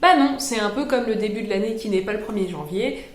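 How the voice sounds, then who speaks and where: A woman's voice: mid-range voice, quick pace, echoey room, a little hiss or hum. A woman hosting a casual astrology lesson, explaining with playful rhetorical questions and ironic asides. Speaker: astrology channel host.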